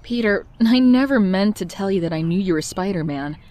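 A woman's voice: medium pitch, expressive, fairly quick, dark tone, close to an everyday voice. A woman voicing Mary Jane, a fiery but guarded young woman, telling her story in a heartfelt, confessional way in a comic dub. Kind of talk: comic dub narration and dialogue.

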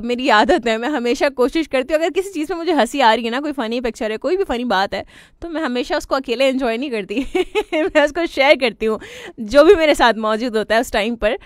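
A woman hosts a live radio show, reading listener messages with warm greetings, giggles and English phrases mixed in. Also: high voice, clean tone, dry recording, clean studio sound. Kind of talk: casual live radio chat.

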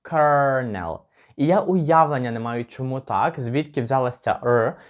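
Chatty man teaching English pronunciation. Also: medium pitch. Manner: chatty, slows down to spell out words. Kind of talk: casual pronunciation lesson.

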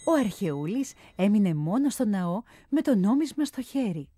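A woman reading a children's storybook aloud in a clear, expressive narrating voice. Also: medium pitch, no room sound.

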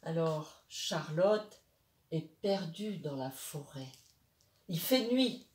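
A woman storyteller reading a bedtime story aloud to children, slow and expressive, with asides to her young listeners. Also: low voice. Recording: roomy, distant from the mic.

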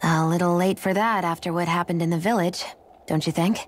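A woman voicing a blunt, sharp-tongued young woman in a video game. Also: fairly low pitch, fairly even intonation, fairly quick, natural voice. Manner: blunt, dry.

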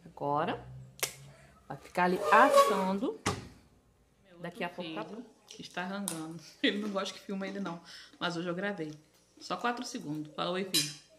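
A woman's voice: on the low side, expressive, normal speed, long pauses, a bit bright, slight background noise. A Brazilian woman chatting to viewers as she cooks in her home kitchen, filmed on a phone. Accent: Brazilian Portuguese. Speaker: home vlogger. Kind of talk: casual home vlog.

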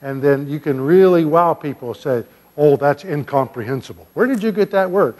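A man's voice: a little high, animated, normal speed. Older man pastor quizzing children. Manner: gentle questioning of children, playful. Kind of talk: children's sermon. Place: large church sanctuary. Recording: long church reverb.

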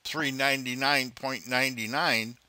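A man's voice: medium pitch, fairly even intonation, moderate pace, bright, forceful tone, no room sound. A man making a casual prank phone call as the caller.

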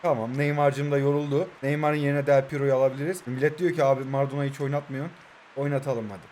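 A man in his twenties from Turkey, joking and mocking himself as he commentates his own mobile football game, and breaking into excited play-by-play. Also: mid-range voice, fast talker, slight background noise. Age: 20s. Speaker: mobile football gaming YouTuber. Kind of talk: live gameplay commentary.

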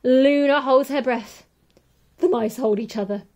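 A teacher reads a picture-book children's story aloud in a fairly high voice. She goes slowly and measuredly, phrasing things expressively.

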